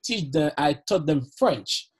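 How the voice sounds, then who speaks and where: Speaking a bit slowly in a husky, fairly high voice with lively intonation, a middle-aged man from Haiti shares his story on a podcast interview. The youth pastor has a Haitian accent, talks earnestly, laughs frequently and repeats himself.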